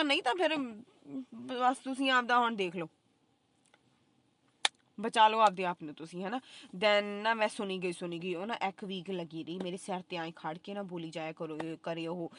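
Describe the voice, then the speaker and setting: A young woman vlogger telling her own story casually, swinging between loud outbursts and quiet asides, with English phrases mixed in. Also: medium pitch.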